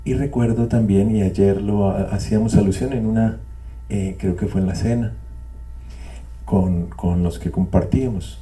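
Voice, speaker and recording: An older man's fairly low, dark voice carries at a moderate pace with fairly even intonation, recorded from a distance. Before a live audience in a meeting room, he shares a reflective, repetitive testimony at a spiritual gathering, with wry asides.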